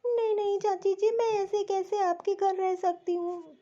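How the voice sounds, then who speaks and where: A woman's voice: very high voice, fairly even intonation, measured pace, warm tone. A woman voicing a meek young widowed daughter-in-law in a cartoon, humble, polite and grateful. The recording is dull and lo-fi. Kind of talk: cartoon voice acting.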